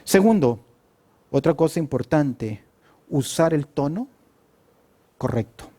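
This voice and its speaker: A male pastor preaching a sermon, often asking questions and answering them himself, with sudden loud emphasis. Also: on the high side, expressive, slow. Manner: rhetorical questions answered himself, frequent fillers.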